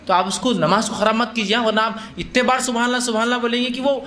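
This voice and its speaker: Man, Islamic lecturer, high-pitched voice, conversational, asks and answers his own questions. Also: little pitch movement, sharp tone. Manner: acts out scenes with shifted voices. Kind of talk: religious lecture in Urdu.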